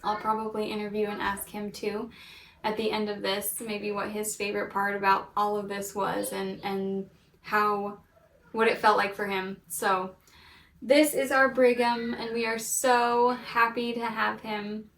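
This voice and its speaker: A woman's voice: medium pitch, little pitch movement, a little slow, fairly bright tone, a little hiss or hum. A woman in her thirties telling the story of her baby's birth in a casual, gushing way, laughing often. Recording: echoey room, mic at a distance.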